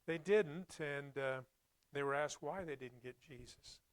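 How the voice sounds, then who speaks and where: A man's voice: fairly high pitch, smooth, dry recording. Dry-sounding man preaching a plainspoken sermon. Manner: plainspoken, reflective, halting delivery with pauses. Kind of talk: Sunday sermon with scripture reading and plain commentary.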